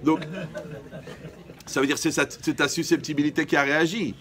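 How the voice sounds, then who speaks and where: A man from Morocco, a rabbi, giving a lively religious lecture full of jokes and often checking that his audience is following. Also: a little high, fairly quick.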